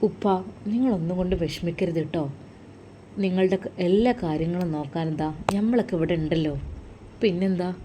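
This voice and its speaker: A woman with a Malappuram accent voicing a kind young man who gently comforts a sick elder. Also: mid-range voice, slight background noise, natural voice. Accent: Malappuram Malayalam. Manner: gentle, reassuring, pleading. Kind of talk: storytelling role-play.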